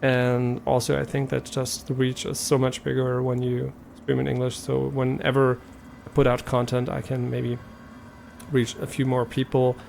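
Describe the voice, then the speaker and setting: This man from Germany, a native German speaker with an accent to match, live-streams in a completely flat, creaky, darkish mid-range voice at normal speed. He talks to viewers casually and a bit hesitantly, thinking aloud, over a little hiss or hum.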